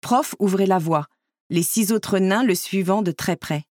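Expressive woman reading a storybook aloud. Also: mid-range voice, measured pace, no echo, studio quality. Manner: expressive, lively narration.

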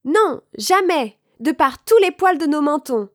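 A woman voicing the stubborn little pigs of a storybook, speaking slowly and emphatically. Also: high-pitched, animated, no room sound, studio quality, pitched above the performer's own voice. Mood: defiant.

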